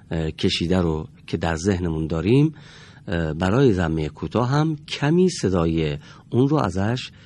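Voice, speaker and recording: A man with a low, slightly mellow voice leads a broadcast Quran recitation lesson from a studio. He goes slowly and patiently, pronouncing each sound for his students to echo back.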